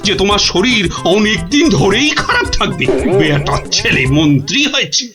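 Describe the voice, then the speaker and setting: A pompous cartoon king with a very swinging, animated voice, commanding and quick to flare into anger, as an actor plays him. Music is clearly heard behind him. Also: mid-range voice, lightly acted. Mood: angry. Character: pompous, hot-tempered king. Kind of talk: cartoon voice acting.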